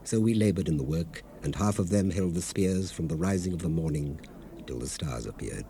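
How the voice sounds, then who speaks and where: A man's voice: sits low, expressive, brisk, warm tone. An actor playing an earnest, devout leader recounting his people's struggle in a solemn, oratorical scripture dramatization. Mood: solemn, measured. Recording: hissy 1970s cassette rip.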